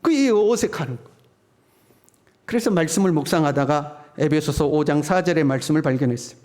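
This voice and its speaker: Middle-aged male pastor, conversational sermon delivery that slips into acted lines, voice a bit high. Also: animated, moderate pace, a little mellow. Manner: conversational preaching, acting out parents' lines. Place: church sanctuary.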